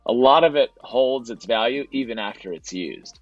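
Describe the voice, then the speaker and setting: This mid-pitched man narrates a thrift store outing for his reselling vlog, sounding animated and explanatory at a moderate pace while repeating "to be honest." The audio has no echo and cut-off highs, with faint music underneath.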